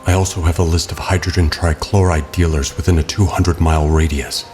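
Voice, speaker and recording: Voicing a brooding, stern masked vigilante who protects others, a male actor speaks gravely and sincerely in a very deep, darkish, steady voice at a fairly quick pace. His lines are terse and controlled, with music behind him in the audio drama.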